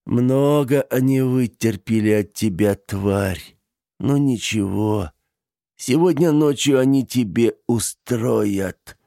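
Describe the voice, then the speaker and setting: A man's voice: medium pitch, takes it slowly, gravelly, mellow, no echo, clean studio sound. A man voicing a frail dying old man who cries out and pleads for help. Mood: gloating. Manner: pleading, crying out, wheezing.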